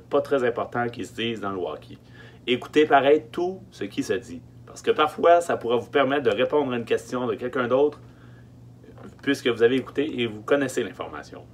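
Speaking in an animated, mid-range voice with a Quebec French accent, a masked man in his thirties passes along tips from his work as a film production logistics technician. His instructions are informal and emphatic, with hesitant pauses and key words said more than once. He records in a small wooden-lined storage truck, with faint hum and background noise.

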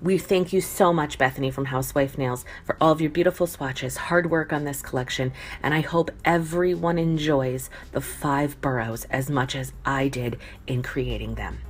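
A woman who makes nail polish giving a recorded message, earnest and measured. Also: extremely low pitch, fairly even intonation, a little hiss or hum. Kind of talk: recorded thank-you message.

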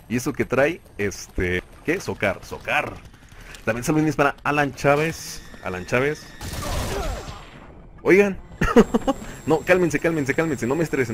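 A young man with a Mexican Spanish accent narrates his own gameplay, cheering himself on in the third person and pleading with the game. His voice sits at an ordinary middle pitch. Loud gunfire and game noise run underneath. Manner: excitable, talks to himself in third person, laughs often. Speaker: gaming channel host. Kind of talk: live gameplay commentary. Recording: noisy game audio behind voice. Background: gunfire and game sounds.

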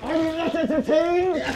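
A man's voice: very high voice, slow. A young man co-hosting an experiment, talking through a gas mask inside a small sealed room, coughing from tear gas between gasping, laughing exclamations. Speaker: co-host. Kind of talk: casual on-camera experiment. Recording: clear background noise.

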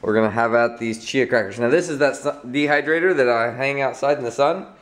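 A man's voice: mid-range voice, brisk. A man hosting a food vlog, chatting casually to the camera and laughing often. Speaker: vlog host. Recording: echoey room with faint music.

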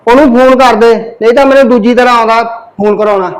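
This is a bullying husband in an amateur family drama, played by a man. His voice is strikingly high. He gives bossy, threatening commands. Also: fairly even intonation, fast talker, low-quality recording.

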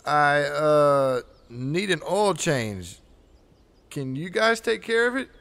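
A man doing a gravelly, hesitant cartoon customer. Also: on the high side, very animated, very noisy, exaggerated voice. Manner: hesitant, halting.

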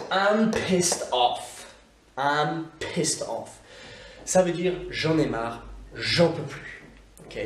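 A man teaching English in a casual video lesson, talking in a chatty way with many fillers and slowly drawing out the English example phrases. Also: a little high, roomy sound, far from the mic, a little hiss or hum.

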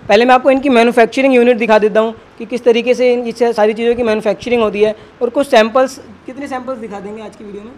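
A man in his twenties with a very high-pitched, steady voice talks fast with few pauses. He hosts a video in a garment factory workroom and sample room, speaking to camera and interviewing through a handheld mic with a windscreen, often repeating answers back for viewers.

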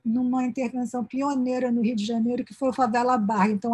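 A woman giving an academic conference presentation over a video call, peppering her sentences with little tag questions and restarting phrases as she rushes to finish in time. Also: fairly high pitch, dark tone, slightly rough, dry recording. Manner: sprinkles "né" fillers and restarts mid-phrase; hurried toward the end of her time.

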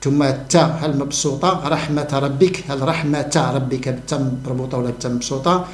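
A man's voice: medium pitch, steady tone, fast talker, echoey room, a little hiss or hum. A man giving an emphatic monologue to camera, repeating key words for stress. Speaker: religious commentator.

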